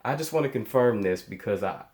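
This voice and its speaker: A loud crowd fills the background as a music reaction channel host riffs casually in a fairly low, expressive voice at a fairly quick clip. The sound is roomy, and he speaks with amazed emphasis, often repeating himself.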